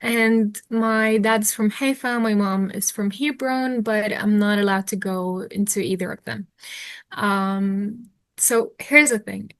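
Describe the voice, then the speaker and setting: A woman's voice: medium pitch, fairly even intonation, slow pace, fairly bright tone, clean tone, no echo. A woman, answering interview questions earnestly, thinking aloud with fillers and restarts. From Jordan. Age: 20s. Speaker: interview guest, activist.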